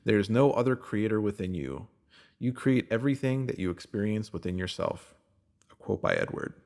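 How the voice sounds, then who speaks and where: In a fairly low, gravelly, darkish voice, a man animatedly reads a scripted spiritual self-help piece as narrator. He speaks to the listener directly, keeping a measured, instructive approach.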